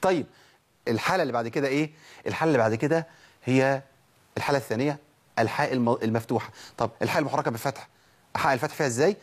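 A man's voice: mid-range voice, very fast, long pauses. A man with an Egyptian Arabic accent teaching Quran recitation, demonstrating each sound and asking and answering his own questions. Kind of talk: tajweed lesson.

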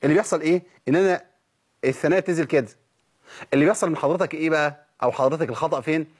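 Fast-talking Egyptian teacher. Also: male voice, on the high side, darkish tone, husky. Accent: Egyptian Arabic. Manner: repeatedly demonstrates letter sounds aloud. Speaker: Quran recitation teacher. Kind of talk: tajweed lesson.

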